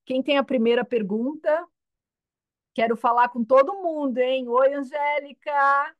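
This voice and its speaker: A woman's voice: sits high, fairly even intonation, a little slow, dry recording, lo-fi sound. A woman hosting a live online question session for women, chatting casually and animatedly, often acting out little dialogues and checking "entendeu?" over a video call.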